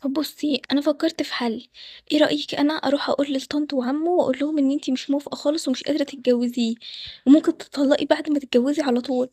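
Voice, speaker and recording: A woman's voice: sits high, steady tone, rapid-fire, warm tone, no room sound, studio quality, close to an everyday voice. A woman with an Egyptian accent voicing a loyal, nervous young friend who asks worried, hesitant questions. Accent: Egyptian Arabic.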